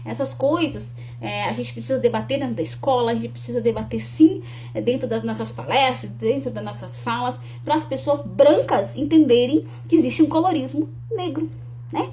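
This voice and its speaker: A young woman talks earnestly and directly to the camera. Her voice sits a little high but sounds mellow and warm. She often restarts her sentences and adds tag questions, while a faint hum runs underneath. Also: moderate pace. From Rio Grande do Sul, Brazil. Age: young adult. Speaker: speaker promoting her talk. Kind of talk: casual to-camera talk.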